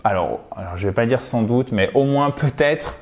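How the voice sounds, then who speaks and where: A man whose first language is French, teaching English pronunciation and slowly repeating each word as a drill. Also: mid-range voice, animated. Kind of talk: pronunciation lesson.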